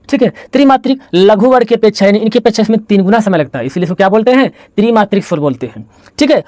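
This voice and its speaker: A man's voice: high voice, a little mellow, dry recording. A male teacher giving a board lesson, asking questions and answering them himself, with playful storytelling. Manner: call-and-response questioning, playful storytelling about letters. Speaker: Hindi teacher.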